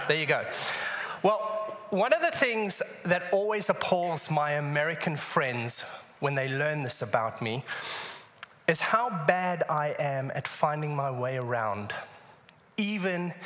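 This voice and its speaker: A man's voice: on the high side, pushed and bright. A man with a British accent preaching to a congregation in a humorous storytelling style, wry and self-deprecating. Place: church, speaking to congregation. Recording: reverberant large hall.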